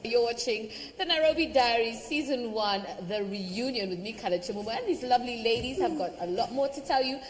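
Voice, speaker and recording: A woman hosts a TV reunion panel with a high, very animated voice. She teases her guests and laughs easily. Her voice rings in a big hall with a long reverb and a faint hum of ambience. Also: a little fast, few pauses. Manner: lively, teasing, laughs often. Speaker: reunion show host.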